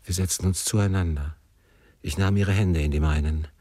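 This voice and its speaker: A man narrating a classic novel in the first person, with measured, emotive storytelling. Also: low voice, fairly even intonation, mellow, breathy edge, dry recording. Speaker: audiobook narrator.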